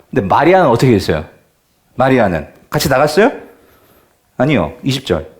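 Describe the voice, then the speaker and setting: Animated male pastor quizzing his flock. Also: medium pitch. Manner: keeps asking the congregation questions; swings between loud emphasis and near-whispers. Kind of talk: evening revival sermon. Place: church sanctuary.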